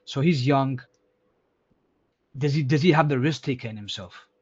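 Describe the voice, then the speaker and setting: A man's voice: medium pitch, moderate pace, slightly rough. Casual man coaching on a dull line. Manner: casual, repeats words, calls listener akhi. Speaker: sales mentor. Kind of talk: coaching call review. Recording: slightly dull lo-fi sound.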